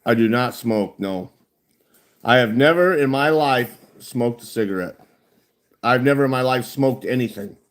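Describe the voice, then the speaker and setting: A man in his 40s from the United States chats casually with viewers on a livestream, talking around a lip full of dip. He's blunt and folksy and swears plenty. His voice is medium-pitched at normal speed.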